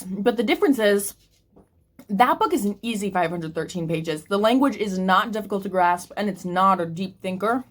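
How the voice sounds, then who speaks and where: A woman book vlogger chatting casually to camera and thinking aloud with restarts, eating snacks between sentences. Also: mid-range voice. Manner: eating snacks while talking.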